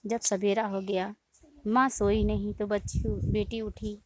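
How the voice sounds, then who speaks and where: A woman's voice: medium pitch, little pitch movement, unhurried, darkish tone, no echo. A woman telling a simple folk story in a homely, casual way, often restarting her sentences.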